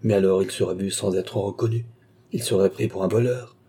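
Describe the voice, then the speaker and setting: A man reading an audiobook of a classic novel in a measured, even narration. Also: low-pitched, creaky, slightly rough. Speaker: audiobook reader. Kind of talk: scripted narration.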